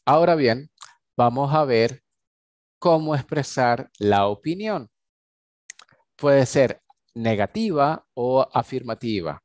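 A man, teaching English at an unhurried, deliberate pace. His English model phrases come out slow and stretched. The sound is dry and close, with no room echo. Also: mid-range voice, animated, a little mellow. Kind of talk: recorded online lesson.

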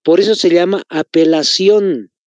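A male teacher with a Bolivian Spanish accent gives a lesson in a fairly high voice. He explains patiently, repeating key phrases for his students. The sound is dry and close. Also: a little slow, dry recording. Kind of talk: online class lesson.

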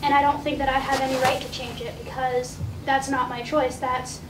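A teenage girl, a student, speaking earnestly and haltingly in a discussion. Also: high-pitched, little pitch movement. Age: teens. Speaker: student participant. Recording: echoey room from far off with noise.

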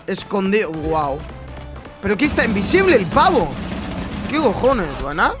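A man's voice: high-pitched, sing-song, measured pace, music in the background. A young man from Spain with a Spanish accent, reacting to gameplay clips, exclaiming, laughing and swearing as he goes. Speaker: gaming YouTuber reacting to clips. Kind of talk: excited gameplay reaction commentary.

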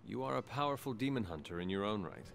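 An actor playing a calm, solemn man in a video game, speaking formally and in a measured way without contractions. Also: fairly low pitch, creaky.

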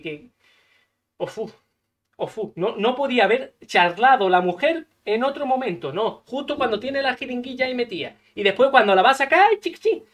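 A man's voice: high voice, a bit bright. A man, a gaming streamer chatting casually and swearing as he acts out dialogue while he plays. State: coughing. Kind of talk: casual storytelling while playing.

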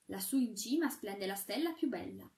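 A woman's voice: fairly high pitch, lively intonation, moderate pace, a little mellow, reverberant, recorded from a distance, lightly acted. A woman voicing a devoted young porcelain chimney sweep who speaks in an earnest, encouraging way.

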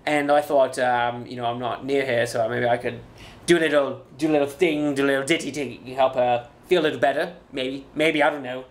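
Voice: medium pitch, fairly even intonation, a little fast. A vlogger talking in a put-on accent, rambling in a comic way and stopping often to say uh and um. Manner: hesitant, full of uh and um, restarts. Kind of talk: rambling comic vlog talk.

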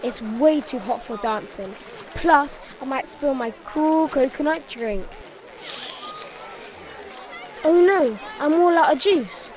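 A woman voicing a cocky, excitable boy hero in a cartoon toy play, full of slangy exclamations. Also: high voice, unhurried, a crowd in the background, rough recording. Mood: carefree.

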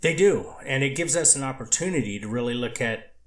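Testifying as a witness in an echoey courtroom, a treatment clinician answers with care, qualifying his statements and restarting to find the right words. His mid-range voice is animated and a little fast, while his answers stay measured.

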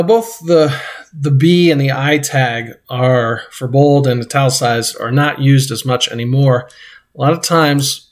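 A man explains web code step by step as he records his screen. His voice sits at a middle pitch. He talks in a halting, unscripted way, stopping often on fillers and restarts. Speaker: teacher. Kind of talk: screen-recorded coding lesson.

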